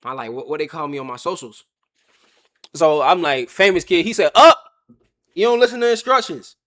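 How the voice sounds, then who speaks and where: A young man tells a story straight to his live chat. His voice sits high and sounds bright and forceful. He jumps into the other people's lines as he goes, animated and loose. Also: normal speed. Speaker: streamer telling a story. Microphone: webcam or phone on a stand.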